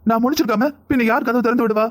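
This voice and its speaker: Brief: a man playing a fretful young cartoon wife, southern Tamil accent, very high and rapid. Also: steady tone. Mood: reproachful. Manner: pleading, scolding, quick. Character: anxious young wife, worried and reproachful. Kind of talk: cartoon voice acting.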